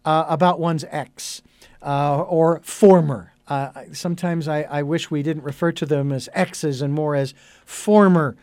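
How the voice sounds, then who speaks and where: A man's voice: fairly high pitch, steady tone, unhurried, a little mellow, dry recording. A middle-aged man hosting a radio talk show, rambling along with lots of fillers and restarts. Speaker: host.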